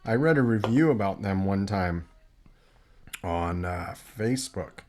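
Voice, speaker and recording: A man's voice: low voice, expressive, unhurried, darkish tone. A man with a Californian accent, a guest musician chatting casually on a podcast and laughing often. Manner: laid-back, laughs often.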